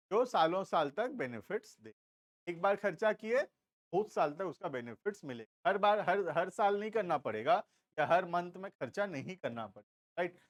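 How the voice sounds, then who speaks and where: A man with an Indian accent teaching a commerce class, explaining slowly and stopping to check that students follow. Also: sits high, no room sound. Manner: explains slowly, asks checking questions, drawls key terms. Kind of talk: classroom lecture.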